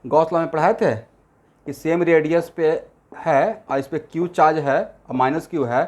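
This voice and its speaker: Male tutor, slightly high voice, classroom lecture, quizzes students. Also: steady tone, a little slow, darkish tone, highs cut off. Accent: Assamese-influenced Hindi. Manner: mixes Hindi with English terms, asks class questions constantly. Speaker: chemistry teacher.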